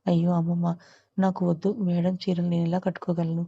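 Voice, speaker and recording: A woman's voice: lowish voice, monotone, fast, dark tone, breathy edge, highs cut off. A woman voicing a polite, modest young heroine who speaks shyly and respectfully. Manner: polite, timid.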